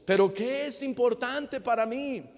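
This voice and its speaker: A pastor with a notably high voice delivers a lively, unhurried sermon. He acts out little conversations as he preaches, and his voice rings through a hall with a long reverb. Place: church hall.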